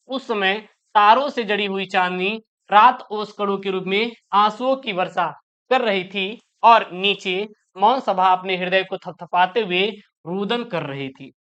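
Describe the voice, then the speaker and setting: A woman's voice: mid-range voice, fairly bright tone, clear, resonant tone, muffled recording. A woman teacher going through an exam paper, calling her students "beta" and asking questions that she answers herself. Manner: calls listeners "beta", asks and answers own questions. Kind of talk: exam-prep lesson explaining poetry.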